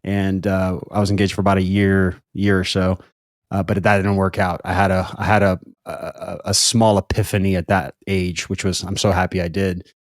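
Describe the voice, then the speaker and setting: Man, thirties, low-ish voice, podcast host, casual rambling talk, dry close sound. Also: little pitch movement, normal speed, dry recording. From Brazilian family background. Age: 30s. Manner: rambling, repeats words, frequent fillers. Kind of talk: casual conversational interview.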